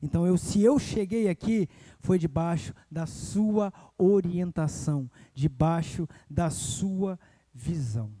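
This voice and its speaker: A young man preaching a sermon in church, telling a personal story and rising to loud emotional cries. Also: fairly high pitch, takes it slowly. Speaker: evangelist preacher. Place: church sanctuary.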